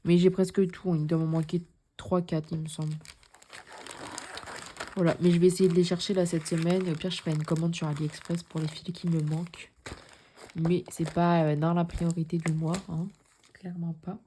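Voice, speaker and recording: A young woman showing her cross-stitch patterns in a casual vlog, chatty and repeating herself, often dropping to a soft near-whisper. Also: fairly low pitch, flat delivery, normal speed, a little hiss or hum. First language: French. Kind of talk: casual show-and-tell vlog.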